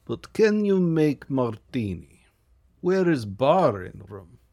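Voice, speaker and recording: A man's voice: mid-range voice, sing-song, slow pace, vocal fry, dark tone, no room sound, clean studio sound, exaggerated voice. Man putting on a curt, menacing tycoon. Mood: haughty. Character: cold imperious wealthy Russian man. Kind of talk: tabletop role-play voice.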